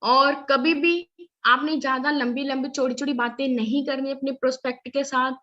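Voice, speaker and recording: Woman trainer, high bright voice, instructive and repetitive, dull lo-fi recording. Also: fairly even intonation, moderate pace. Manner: instructive, often checks "ठीक है?" and "clear है?". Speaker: network marketing trainer. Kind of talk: training session. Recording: slightly dull lo-fi audio.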